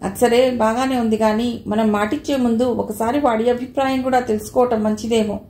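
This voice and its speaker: Woman narrator voicing a calm, thoughtful husband, mellow tone, echoey room. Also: on the high side, slight background noise, lightly acted. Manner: measured and thoughtful.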